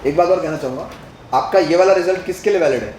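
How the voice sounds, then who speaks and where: A man's voice: a little high, fast, roomy sound, background noise. A male physics teacher lecturing at a board, asking the class questions as he works through each step and mixing Hindi with English terms.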